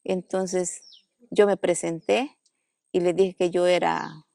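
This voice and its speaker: A woman pastor from the Amazon jungle tells her testimony in an interview, acting out the voices in the dialogue she recalls. Her voice is heavily gravelly and sits on the low side. The sound is dry and close. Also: steady tone, slow pace, mellow, dry recording. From Amazon jungle region. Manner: storytelling that acts out quoted dialogue. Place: a family house in an Amazon jungle village.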